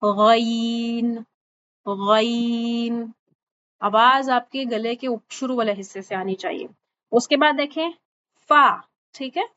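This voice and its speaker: A woman teaches tajweed, drawing out each letter and pausing to check that her students follow. The recording is a little dull and lo-fi, with faint room ambience behind her. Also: on the high side, pushed and bright, slight background noise. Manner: patient, repeats each sound slowly and checks with "thik hai?". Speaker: Quran recitation teacher. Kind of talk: online tajweed lesson.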